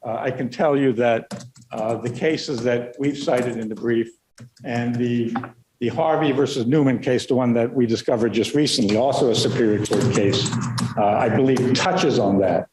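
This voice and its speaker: A man with a mid-range voice argues formally as counsel. He pauses and hedges deferentially, and the room is echoey with faint noise behind him. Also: mid-range voice. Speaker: lawyer arguing before court. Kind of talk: formal oral argument. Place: indoor courtroom.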